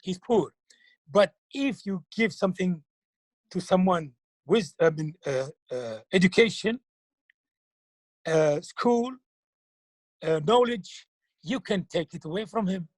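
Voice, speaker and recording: An Algerian man whose first language is French, a clown and children's TV performer, gives interview answers in a husky, high-sitting, expressive voice. He's earnest and halting, repeating words while he searches for them, and there's no echo.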